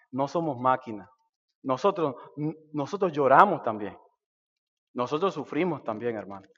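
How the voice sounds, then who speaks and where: A man preaching a sermon, swinging between loud and hushed. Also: fairly high pitch, in a large hall, dull audio. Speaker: pastor. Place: church sanctuary.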